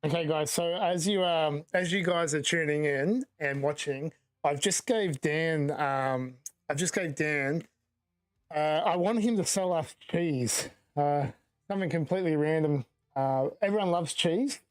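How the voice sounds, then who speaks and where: Aussie host guy, highish voice, keen, trips over his words, dry room. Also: a little slow, no room sound. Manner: eager, stumbling restarts. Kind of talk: casual online chat show.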